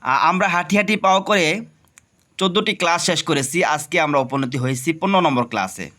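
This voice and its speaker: Male teacher, bright clear tone, a bit high, slow syllable-by-syllable drilling, recorded lesson. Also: expressive. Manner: slow, drawn-out syllable drills spelling letters and vowels; addresses students directly, explains rules then repeats. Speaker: Arabic reading teacher. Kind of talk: recorded Quran reading lesson.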